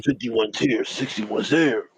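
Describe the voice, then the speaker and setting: A man's voice: fairly low pitch, slow pace, slightly rough, dry recording, muffled recording. A man co-hosting a casual chat, blunt and profane, fumbling now and then for words.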